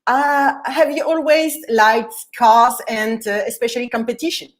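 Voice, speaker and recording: A woman's voice: fairly high pitch, steady tone, moderate pace. A woman hosting an interview show, reading an admiring introduction and then asking questions with hesitant fillers. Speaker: interview host.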